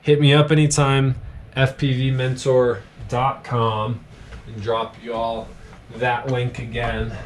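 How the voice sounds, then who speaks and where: A man's voice: mid-range voice, slight background noise. A man chatting casually on a live stream while building drones, rambling with fillers, his voice tired from hours of talking. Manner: relaxed, rambling, many fillers and pauses. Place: home workbench.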